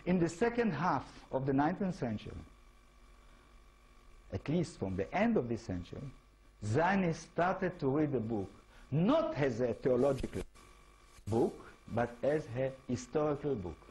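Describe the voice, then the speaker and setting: A man's voice: mid-range voice, big pitch swings, a little slow, darkish tone, low-quality recording. A man from Israel, speaking English with an Israeli accent, gives an informal lecture as an author and keeps asking his audience rhetorical questions. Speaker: author giving a talk.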